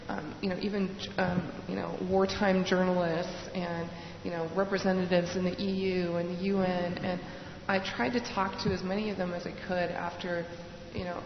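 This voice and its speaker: A woman from Hong Kong speaks at a panel event in a low, gravelly, flat voice. She tells her story reflectively, with frequent fillers. The sound is dull and echoes through a hall. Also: noisy background.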